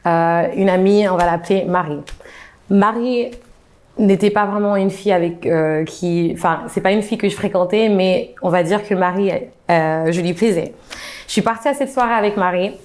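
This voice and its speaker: A young woman recounts a personal story in a casual, animated way. She acts out the back-and-forth of the dialogue, and her voice sits at an ordinary middle pitch. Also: moderate pace.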